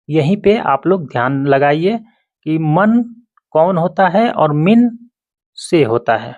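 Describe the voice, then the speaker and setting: A man's voice: fairly high pitch, no room sound. A man teaching vocabulary word by word, repeating each term several times. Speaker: language teacher. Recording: dull lo-fi recording.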